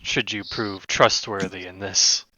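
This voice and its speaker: A man voicing a shady male criminal middleman who speaks in measured, vague, noncommittal offers. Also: low-pitched, steady tone, bright, forceful tone, no room sound, exaggerated voice, rough recording. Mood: cagey.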